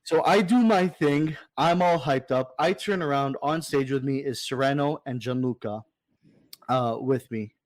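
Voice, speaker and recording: A man, a supporters' club president who is a podcast guest, telling a story in a casual, animated way and acting out quoted dialogue. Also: mid-range voice, a little slow, dry recording.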